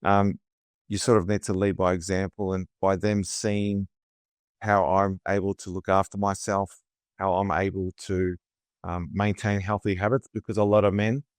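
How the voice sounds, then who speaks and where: Australian male guest, low voice, dead dry recording, steady and friendly. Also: normal speed, clear, resonant tone, dry recording. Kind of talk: podcast interview.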